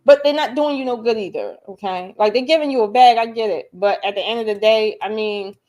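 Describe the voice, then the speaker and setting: A woman hosting a casual reaction chat, talking in a blunt, profane and animated way. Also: fairly high pitch, fairly quick. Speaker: host.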